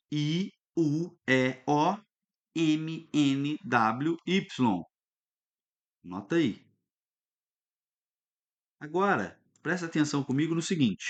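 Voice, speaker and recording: A man teaching a recorded lesson, lively and instructive, often stopping to check that students follow. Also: medium pitch, slow pace. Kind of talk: recorded online lesson at a whiteboard.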